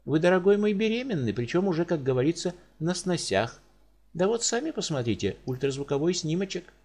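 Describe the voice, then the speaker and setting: A man doing a fussy, high-voiced professor doctor. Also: sing-song, a little fast, darkish tone. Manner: high, ingratiating, hedging. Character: pompous fussy middle-aged male professor doctor.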